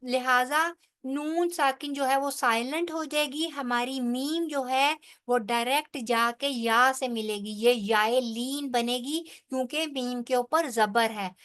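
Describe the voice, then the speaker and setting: A woman teaches the rules of Quranic recitation in a bright, high voice. She speaks at an unhurried pace, explaining each point step by step before reciting the words slowly. She checks in with her listeners often along the way. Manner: checks in with frequent "theek hai". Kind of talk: tajweed lesson with slow recitation.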